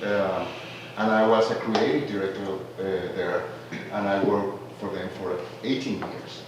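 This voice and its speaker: A soft-spoken, Venezuelan-born tourism marketer with a deep, flat voice introduces himself casually at a measured pace during a community meeting. Hesitant at first and filling gaps with "uh," he warms into laughing enthusiasm. He's recorded from far off in an echoey room with background noise.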